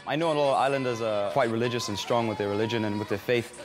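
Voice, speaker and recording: A Samoan CrossFit athlete in his twenties, appearing as a featured guest, talks casually to camera for a profile interview. He speaks quickly in a mid-range voice, wearing a lapel mic inside a gym with music playing.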